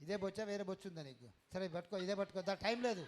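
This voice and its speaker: Fast, brisk man hosting an event. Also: high voice. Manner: brisk, directive, hurrying participants. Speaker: event organizer and host.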